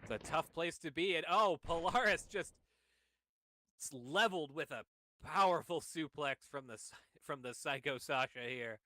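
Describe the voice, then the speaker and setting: A man giving excited play-by-play commentary on a wrestling match, calling each move as it happens. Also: on the high side, dry recording. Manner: excited, calls moves quickly.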